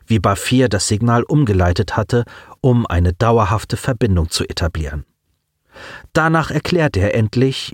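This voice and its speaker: A man narrating a science-fiction audiobook in an expressive, varied reading. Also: lowish voice, no room sound, studio quality.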